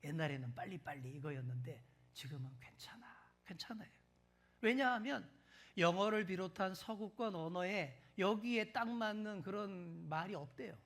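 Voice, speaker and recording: A male pastor preaching a sermon to his congregation. He asks them questions and swings from loud stresses to hushed whispers. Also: high-pitched, lively intonation, normal speed. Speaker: senior pastor.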